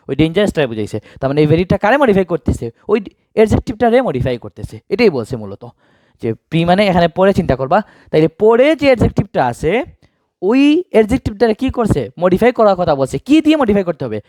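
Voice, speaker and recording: Lively high-pitched male grammar teacher. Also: no echo. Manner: asks questions and answers them himself. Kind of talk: exam-prep grammar lesson.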